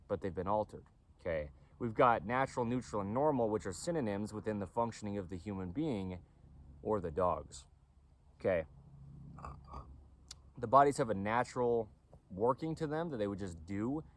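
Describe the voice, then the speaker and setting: A man giving a casual lecture to camera on body mechanics, often stopping to ask "okay?". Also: fairly low pitch. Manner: repetitive, keeps asking "okay?". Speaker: clothing company owner explaining anatomy.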